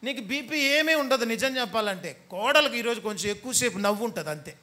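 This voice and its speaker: A man's voice: very high voice, animated, fast talker, bright, forceful tone. A man preaching a sermon as pastor, teasing and scolding his congregation and mimicking the people he talks about. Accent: Telugu.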